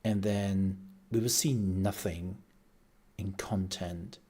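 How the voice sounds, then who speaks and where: Slow, low-voiced male streamer, voice worn out. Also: fairly even intonation, mellow, breathy edge. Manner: rambling, thinking aloud with repeated phrases. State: voice worn out from long talking. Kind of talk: live reaction stream chat.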